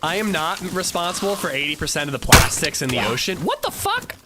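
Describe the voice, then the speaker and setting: A man from Pennsylvania, a streamer talking casually with chat while playing a game, animated and swearing freely. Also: a little high, brisk, very noisy. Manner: animated, profane, reacting to chat. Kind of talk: casual gaming livestream chat.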